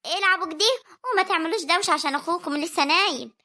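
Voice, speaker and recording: Performer doing a fussing Egyptian village mom, very high, rapid and bright, scolding but tender. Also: full character voice. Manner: scolding yet tender, coaxing. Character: worried village mother of young daughters. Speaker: mother. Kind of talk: homemade family drama voice acting.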